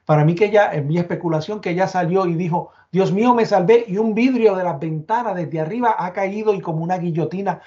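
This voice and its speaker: Puerto Rican man giving halting testimony. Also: sits high, darkish tone, lo-fi sound. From Puerto Rico. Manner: halting, repeats and restarts words under emotion. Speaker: interview guest, survivor. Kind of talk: emotional first-person testimony.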